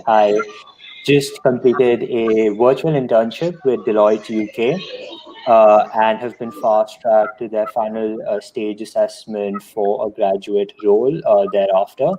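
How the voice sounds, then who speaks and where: A man's voice: lowish voice, dark tone. A young man in his early twenties with a posh, educated Indian English accent, introducing himself politely and formally as a student mentor in an online webinar. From Delhi, India. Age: early 20s. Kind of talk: polished self-introduction in a webinar. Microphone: online call microphone. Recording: dull, muffled online call.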